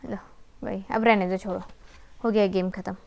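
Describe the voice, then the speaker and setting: A woman's voice: mid-range voice, flat delivery, moderate pace, gravelly, background noise. A mother, speaking, patiently coaching her child through ball exercises, counting and prompting again and again.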